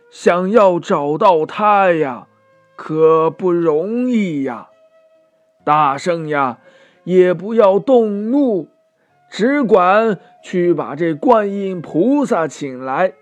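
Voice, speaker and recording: A man voicing a mild old male earth god who speaks slowly and soothingly in long, drawn-out phrases. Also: high-pitched, full character voice.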